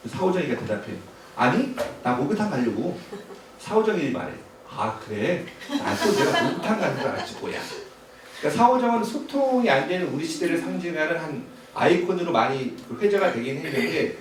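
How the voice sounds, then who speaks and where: A man giving a talk to parents in a hall, with a fairly high voice. He speaks in a relaxed, conversational way and keeps asking the room rhetorical questions. The sound carries a heavy echo and is picked up from a distance, with a faint hiss underneath. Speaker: lecturer. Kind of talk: public lecture to parents. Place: lecture hall. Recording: very echoey hall, distant mic, faint noise.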